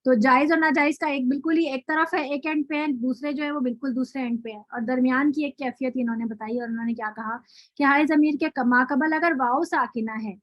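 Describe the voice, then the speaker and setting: Her voice is high and her tone steady as she teaches recitation in an online class, explaining the rules, asking her students questions to check their understanding, and drawing out example words slowly. The sound is lo-fi.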